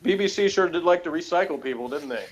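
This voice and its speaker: Animated and fast, this Texan co-host reviews a TV episode on a podcast, rambling off the cuff, correcting himself and joking dryly. His voice sits on the high side and is slightly rough, and the sound is lo-fi.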